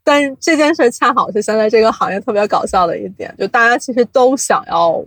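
An audio drama producer and company chief speaks casually as an interview guest, thinking aloud as she explains how her industry works. Her voice is a little high and a bit bright, with lively intonation and a brisk pace, and there's no room sound.

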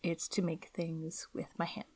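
A woman artist being interviewed in a relaxed chat, pausing to think with fillers and laughing easily. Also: deep voice, dry recording. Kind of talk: casual conversational interview.

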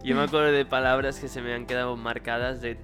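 A man's voice: medium pitch, fast talker, soft background music. Joking Spanish-accented male host. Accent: Spain. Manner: jokey, animated storyteller. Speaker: podcast host. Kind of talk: casual conversation.

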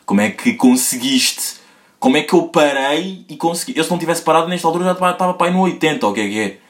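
A young man hosting a solo podcast in a rambling, slangy, casual way, his pitch jumping up when he gets excited. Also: fast. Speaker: podcast host.

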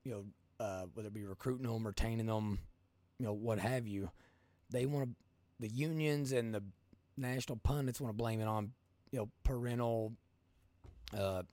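A man with a Kentucky accent and a hoarse smoker's rasp, hosting a casual podcast in a folksy, rambling, colloquial way. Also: mid-range voice, moderate pace, pauses often, darkish tone, no room sound. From Kentucky, United States. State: hoarse from coaching. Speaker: podcast host.

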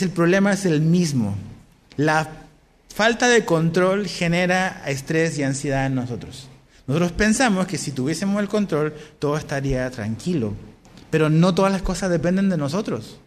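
A man preaching a sermon as pastor, conversational and often asking his listeners questions. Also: fairly high pitch. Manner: conversational, asks the congregation questions. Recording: long hall reverb.

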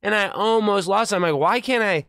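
Forceful, volatile male talk show host. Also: high voice, brisk, creaky, smooth, no room sound, studio quality. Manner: volatile, dramatic, swinging between muttering and shouting; profane, rambling. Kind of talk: casual livestream rant and chat.

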